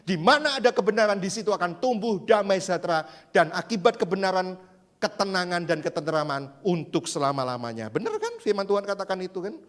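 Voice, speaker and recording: Man, pastor, youth sermon, high voice, playful, acts out voices, long reverb, big church hall. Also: fast talker. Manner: lively, joking, acts out quoted voices.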